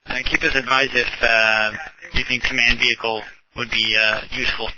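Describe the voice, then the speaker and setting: A man's voice: mid-range voice, level tone. Dispatcher man over a hissy two-way radio. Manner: repeats messages, brisk. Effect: heard over a two-way radio. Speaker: fire dispatcher. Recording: muffled lo-fi radio with clear hiss.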